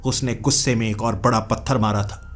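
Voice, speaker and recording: A man's voice: on the low side, fairly even intonation, a little fast. Man telling a suspenseful horror story. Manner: dramatic, suspenseful. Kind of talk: first-person horror story narration. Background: faint music.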